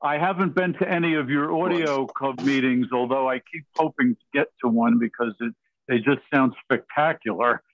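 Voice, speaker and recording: A man's voice: medium pitch, moderate pace, slight background noise. A man hosting a meeting in jokey, rambling casual chat over a video call. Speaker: meeting host. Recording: tinny video-call audio.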